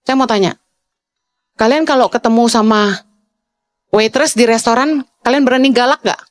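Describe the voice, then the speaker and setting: A woman pastor preaching a sermon, speaking fast in a high register that can sound angry, and slipping English phrases into her talk. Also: faint music behind.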